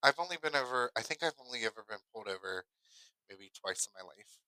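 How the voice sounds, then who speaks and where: A man co-hosting a podcast in relaxed, casual chat, laughing often. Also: mid-range voice, quick pace, no room sound, poor audio. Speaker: podcast co-host. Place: home podcast studio.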